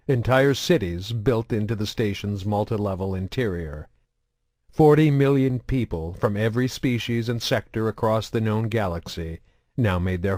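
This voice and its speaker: A man narrates a novel at an even, measured pace. His voice sits on the low side, and it is recorded dry and close with no room sound. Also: no echo. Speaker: audiobook narrator. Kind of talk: audiobook narration.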